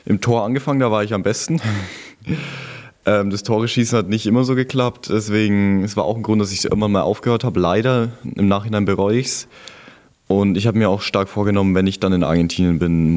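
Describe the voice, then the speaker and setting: Telling stories from his time volunteering abroad, a young German interview guest speaks in a fairly low, slightly mellow voice. He was born in Frankfurt, lives in Franconia, and his conversational storytelling stays relaxed and casual.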